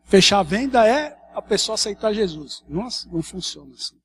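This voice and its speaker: Husky high-voiced preacher from São Paulo. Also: male voice, fairly quick. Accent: São Paulo Portuguese. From Brazil. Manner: conversational preaching, many tag questions, lively shifts. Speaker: pastor. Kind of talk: sermon. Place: church hall.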